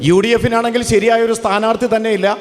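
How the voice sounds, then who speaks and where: A man's voice: very high voice, flat delivery, quick pace, big-room sound. A man interpreting a campaign speech for a crowd in a formal, declamatory way with repeated phrasing.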